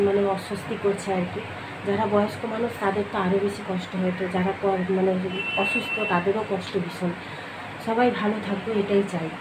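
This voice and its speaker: A middle-aged woman talking to viewers in a chatty, homely way over a cooking vlog, a little out of breath. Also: medium pitch. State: slightly out of breath. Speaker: vlogger. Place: home kitchen. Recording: audible background noise.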